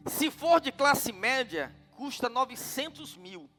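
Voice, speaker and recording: A man's voice: extremely high pitch, big pitch swings, takes it slowly, bright, forceful tone, in a large hall, soft background music. A middle-aged man with a Brazilian Portuguese accent preaching a sermon, telling stories and asking the congregation questions. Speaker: pastor.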